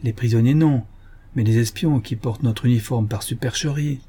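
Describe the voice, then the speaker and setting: A man voicing a brisk young frontier scout who gives curt orders, in a read-aloud adventure story. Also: medium pitch, warm tone, husky. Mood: stern.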